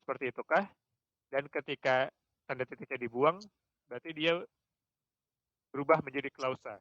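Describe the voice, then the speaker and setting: Man questioning a class, slow and deliberate. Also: mid-range voice, fairly bright tone, no echo, muffled recording. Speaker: lecturer. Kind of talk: classroom discussion.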